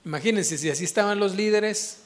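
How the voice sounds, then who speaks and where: Guy preaching, high voice, keeps asking the church questions. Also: a little fast. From Mexico. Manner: animated, asks the congregation questions. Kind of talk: sermon.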